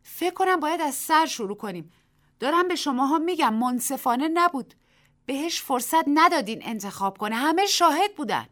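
A woman's voice: high voice, animated, voice pushed up. A woman voicing a desperate village housewife, pleading and insistent, in a radio story reading.

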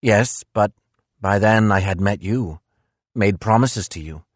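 A man doing a soft-spoken, careful doctor. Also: lowish voice, no room sound. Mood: reflective. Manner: soft and slow, gentle.

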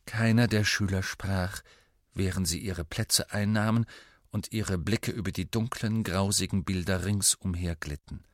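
A man narrating an audiobook in a measured, even storytelling manner. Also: low voice, no room sound, clean studio sound. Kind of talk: scripted narration.

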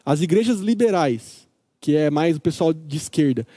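A man with a Brazilian accent teaching a Bible study in a lively, joking way, acting out the characters. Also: fairly high pitch, normal speed, no echo, studio quality.

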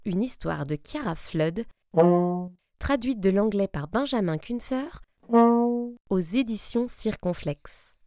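A woman reading a children's picture book aloud, slow and deliberate. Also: on the high side, animated, mellow, no echo, studio quality, soft background music. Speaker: storyteller.

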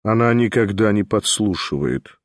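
A detached, icy nobleman, played by a male reader speaks in a lowered, restrained voice. His replies are short and unhurried. The sound is close and dry. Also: expressive, no room sound, natural voice. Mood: cold, curt. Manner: cold, restrained, curt. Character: cold, calm, aloof young nobleman.

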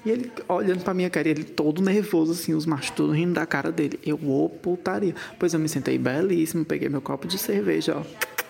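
A woman's voice: fast, gravelly, a little mellow. A woman telling a story with dramatic, sassy flair. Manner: dramatic, sassy, quotes herself in high voice. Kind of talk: animated storytelling.

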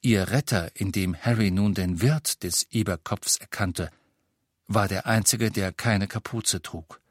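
Male audiobook narrator, calm and measured, unhurried delivery. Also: on the low side, no room sound, studio quality. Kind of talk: scripted narration.

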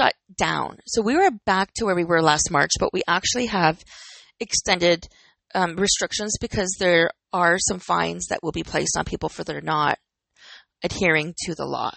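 A woman's voice: fairly low pitch, normal speed, creaky, a bit bright, dry recording, low-quality recording. A woman in her forties talking in an earnest, encouraging and reflective way, as host of a personal motivational talk, smiling as she speaks. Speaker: podcast host.

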